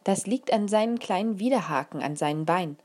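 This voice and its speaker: A woman voicing a gentle mother who explains things to her small daughter in a lively, patient way. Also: medium pitch, fairly quick, natural voice. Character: warm, careful mother of a small girl.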